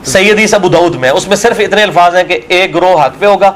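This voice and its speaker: A man's voice: sits high, fast talker, a bit bright, a little hiss or hum. A man, a religious scholar arguing his view in an interview and asking rhetorical questions. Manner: argumentative, full of rhetorical questions.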